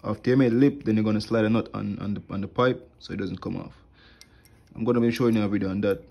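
Fast-talking and gravelly, this young man has a lowish, darkish voice and fairly even intonation. He's an HVAC technician casually showing off his tool bag indoors at home over a wooden floor, explaining each item simply with fillers while a close-held phone films his hands.

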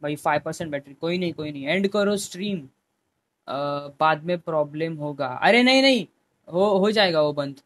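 A man's voice: a little high, expressive, normal speed, fairly bright tone. A young man, chatting casually with viewers by name on his live game stream and pleading with them at times. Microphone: headphone mic.

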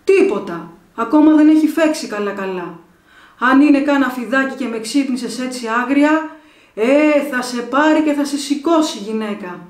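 A woman voicing a grumpy, half-awake old village husband who scolds in a raised, gruff voice, in an echoey room. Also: high voice, animated. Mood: annoyed.

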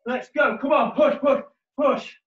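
With a very high voice at a measured pace, a man in his thirties coaches a live workout from his living room as he exercises, spurring people on in clipped gym-bro commands. The home camera mic sits across the room, so the audio is distant, roomy and muffled.

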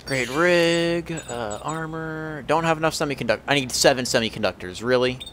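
A man's voice: on the high side, moderate pace, a bit bright, a little hiss or hum. A man hosting a gaming channel, joking playfully through casual let's-play commentary.

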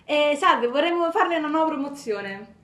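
A woman's voice: sits high, animated, normal speed, fairly bright tone. A teenage girl from Italy making giggly, teasing phone calls to her fans for a vlog, chatting casually.

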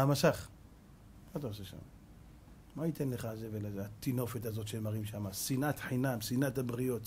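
A man in his fifties, a rabbi giving a Torah sermon, preaching in an animated, scolding way with rhetorical questions. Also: medium pitch, slight background noise.

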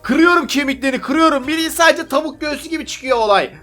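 A man's voice: very high-pitched, fast, fairly bright tone. A man giving casual, chatty gameplay commentary to his viewers. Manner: chatty, addresses viewers as friends. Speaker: gaming YouTuber. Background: faint background music.

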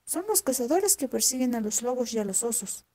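Woman doing a sly old farmer guy in a kids tale, calm plain voice, mellow. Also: a little high, fairly quick, pitched above the performer's own voice. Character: cunning old male peasant farmer.

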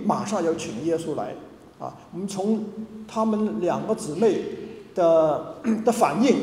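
A man from Hong Kong delivers a sermon in an animated, high-pitched voice that swoops up and down. He speaks emphatically, stumbling into fillers and restarts. The sound carries a long echoing reverb of a church hall. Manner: lively, emphatic preaching with many fillers and restarts. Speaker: pastor.

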